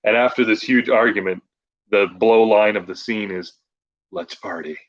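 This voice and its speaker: A man's voice: lowish voice, steady tone, moderate pace, lo-fi sound. A man in casual chat recommending movies, who laughs often and rambles with restarts.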